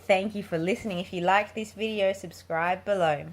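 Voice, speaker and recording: The recording, made at home, is clearly noisy as a woman narrates a picture book for children. A children's book reader and channel host, she has a mid-range voice with fairly even intonation and a moderate pace.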